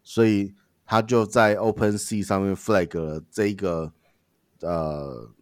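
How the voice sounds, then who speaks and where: Man, low pitch, conversational, questioning co-host, dry recording. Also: steady tone, slow pace, dry recording. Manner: questioning, rephrasing and challenging points. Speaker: podcast co-host. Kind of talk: casual discussion.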